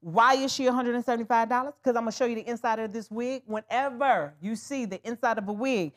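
A woman's voice: fairly high pitch, fairly even intonation, quick pace. A woman hosting a live wig sales show, talking casually to viewers, calling them honey and y'all as she pushes the deals. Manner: chatty, calls viewers honey and y'all, hard-selling. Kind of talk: live shopping stream chat.

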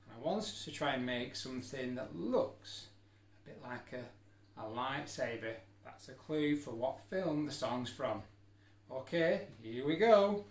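With an expressive, medium-pitched voice and a slightly slow pace, a middle-aged man teaching at a special-needs school gives children simple, encouraging step-by-step instructions in an exercise video. He's at a wooden table indoors, recorded by a camera a few feet away in an echoey room with music.

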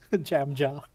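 A man's voice: fairly high pitch, fairly bright tone, slightly rough. A man chatting casually and joking while playing a co-op game. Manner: joking, laughs often. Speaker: gamer. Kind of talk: casual co-op gameplay chat.

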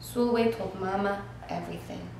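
A woman teacher reading a picture book aloud to her class, gentle and expressive, pausing to ask the children questions. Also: mid-range voice, creaky. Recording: very echoey room, faint noise.

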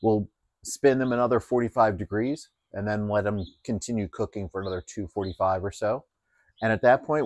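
A man calmly explaining how he marinates and grills chicken, step by step with plenty of fillers. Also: lowish voice, no room sound. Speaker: home cook. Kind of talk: casual cooking demonstration. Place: outdoors at a grill.

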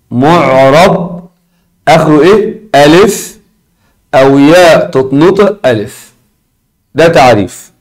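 A man with an Egyptian Arabic accent teaching a recorded lesson, repeating key words slowly and asking his students questions. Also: a little high.

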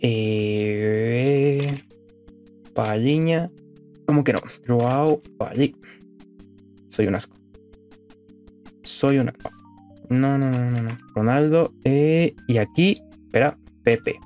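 A man's voice: mid-range voice, takes it slowly, pauses often, darkish tone, soft background music. A man with a Mexican accent doing casual gameplay commentary as a streamer, muttering to himself, swearing and repeating phrases.

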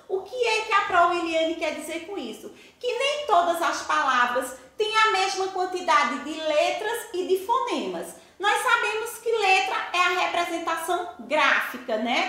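A woman's voice: very high voice, pushed and bright. A Brazilian woman teaching a primary school class. She explains patiently, step by step, and asks the children rhetorical questions. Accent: Brazilian Portuguese. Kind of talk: recorded class lesson. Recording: echoey room.

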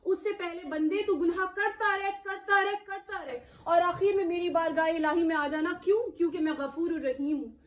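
A woman's voice: very high voice, fairly even intonation, normal speed, hardly any pauses, reverberant, lo-fi sound. A woman giving an impassioned religious talk to a live gathering of women, full of rhetorical questions and "isn't it?" asides. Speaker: Islamic speaker addressing a women's gathering.

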